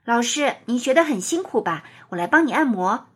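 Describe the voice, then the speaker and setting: Storybook casting: a woman playing a cheerful little schoolboy, high and bouncy, very lively. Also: moderate pace, breathy edge. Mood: proud. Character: young boy pupil, eager and cheerful.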